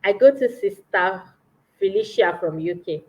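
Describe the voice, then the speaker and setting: A woman's voice: mid-range voice, normal speed, darkish tone, poor audio. A woman from Nigeria, hosting a live online show in an upbeat, welcoming way. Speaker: host.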